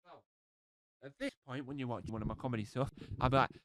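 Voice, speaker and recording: A man's voice: medium pitch, steady tone, fast, fairly bright tone, no room sound, studio quality. A man chatting casually on a live stream, rambling and joking, breaking off his own sentences. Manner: chatty, self-interrupting, jokey.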